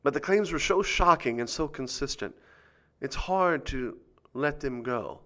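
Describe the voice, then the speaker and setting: A man's voice: a little high, expressive, unhurried, pushed and bright. A man hosting a conspiracy show, reading scripted commentary with dramatic emphasis and rhetorical questions.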